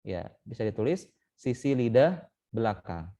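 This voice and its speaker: A man's voice: mid-range voice, very animated, normal speed, dark tone. A young man teaching tajwid in an online class over a call mic, explaining step by step with frequent "eh" and "baik". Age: young adult. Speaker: Quran recitation teacher.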